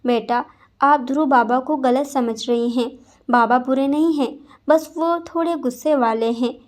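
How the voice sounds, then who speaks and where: A woman's voice: sits high, a little slow, darkish tone. A woman voicing a kind older housekeeper who comforts a crying girl. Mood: soothing. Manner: soothing.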